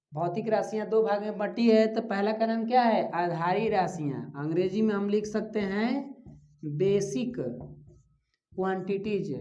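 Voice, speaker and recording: High and mellow, this man's voice carries a classroom-style physics lecture in which he asks questions and then answers them, repeating the key terms. The recording is echoey and lo-fi, with a dull sound.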